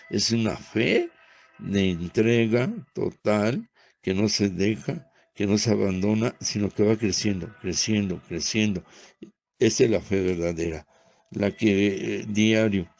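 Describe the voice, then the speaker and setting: Gravelly low-voiced Mexican preacher. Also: male voice. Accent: Mexican Spanish. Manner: measured daily reflection, cries out loudly when acting out the quoted pleas. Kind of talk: sermon.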